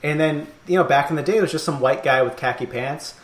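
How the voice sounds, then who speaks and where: A man's voice: fairly high pitch, fast talker. Podcast host guy rambling thoughtfully, laughs a lot, echoey room. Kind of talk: casual chat. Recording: roomy echo.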